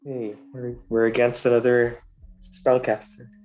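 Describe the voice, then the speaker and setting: A man's voice: mid-range voice, little pitch movement, unhurried, a little mellow, rough recording. A man chatting casually as a player in a tabletop game, sounding tentative. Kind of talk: casual chat. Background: faint music.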